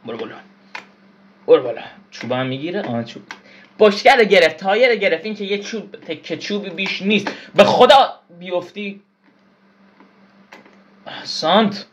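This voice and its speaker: A man's voice: high-pitched, animated, pauses often, a bit bright. A man giving casual gameplay commentary, frustrated, swearing and yelping at the game. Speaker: gaming YouTuber.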